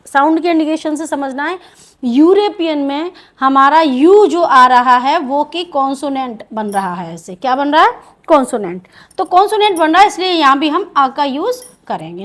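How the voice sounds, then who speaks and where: A woman with an Indian accent teaching English grammar in a video lesson, asking questions and answering them herself. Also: high voice.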